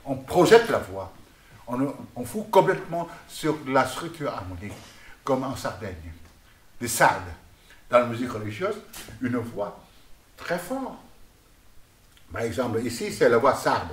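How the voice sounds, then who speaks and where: A man's voice: medium pitch, big pitch swings, moderate pace. A man from Vietnam, a guest musician giving a rambling lecture on singing voices, often asking "n'est-ce pas?". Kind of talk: lecture with vocal demonstrations. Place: artist's workshop, indoors. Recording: roomy hall with faint noise.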